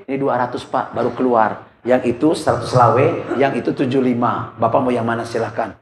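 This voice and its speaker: A man playing a young market seller who quotes prices in a low, matter-of-fact way. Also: fairly even intonation, fairly quick, reverberant, lightly acted. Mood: calm. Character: young male market stall seller, calm and firm.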